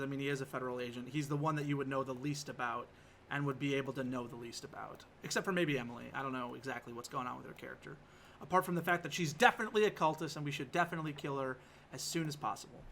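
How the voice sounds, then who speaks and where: A man's voice: mid-range voice, fast, bright, forceful tone, a little hiss or hum. A man chatting casually as a tabletop game player, rambling and jokey, with hesitant stops and starts. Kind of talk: casual improvised chat.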